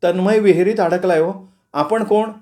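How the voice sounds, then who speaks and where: Male storyteller as an anxious young wife, raised pitch, mellow, pleading. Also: normal speed, lightly acted. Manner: pleading, urgent, tearful tone.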